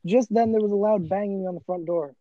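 A woman's voice: mid-range voice, fairly quick, no room sound, phone-quality sound. A woman narrating a fan story aloud with friends, giggling and stumbling over the words. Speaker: narrator and host.

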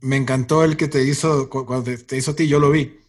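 A man's voice: mid-range voice, steady tone, quick pace, husky. A man from Mexico, interviewing a guest casually and searching for his words. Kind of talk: casual conversation.

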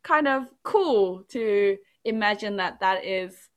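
The audio is dull as a woman with a mid-range voice slowly tells a meandering story in casual conversation. She was born in England, English isn't her first language, and her lively telling is full of "like"s.

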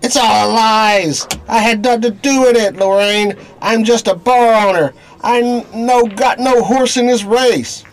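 A man acts out a cowardly little gangster from a 1930s radio drama. He is flustered and stammering, whining in a high pitch over music. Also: measured pace, hardly any pauses. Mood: nervous, flustered. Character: cowardly small-time mobster bar owner, whining and flustered.

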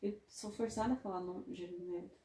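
A woman's voice: medium pitch, fairly even intonation, fast, mellow, echoey room. A woman co-hosting a casual chat, talking in a joking, chatty way with lots of filler tags. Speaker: podcast co-host.

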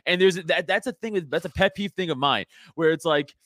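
Comedian guest on a podcast: a man with a sharp, bright tone, swearing freely, close and dry on the mic. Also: fairly high pitch, fairly quick, no echo. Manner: profane, blunt, laughs often. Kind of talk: casual podcast chat.

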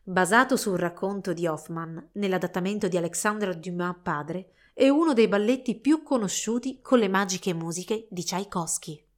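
A woman narrating a fairy tale for children in a slow, measured storytelling voice. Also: mid-range voice.

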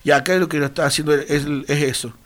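A man's voice: fairly high pitch, quick pace, fairly bright tone. A man, explaining prayer in earnest in a devotional talk and reading Bible verses aloud. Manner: earnest, reads scripture aloud, quotes sample prayers. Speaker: church radio co-host.

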